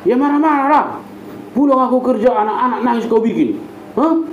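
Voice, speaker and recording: An actor playing a hot-tempered father with a Batak accent, who scolds loudly and later turns meek and apologetic. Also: extremely high pitch, animated, fairly quick, dull audio, heavy background noise. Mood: angry. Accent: Batak Indonesian. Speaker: father of the household. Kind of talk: amateur family drama acting.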